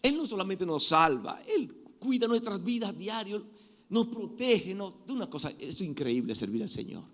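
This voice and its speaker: A man preaching a sermon, emphatic and given to repeating phrases, shifting from loud exhortation to quiet prayer. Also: high voice, sing-song, normal speed. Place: church. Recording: long reverb of a church hall.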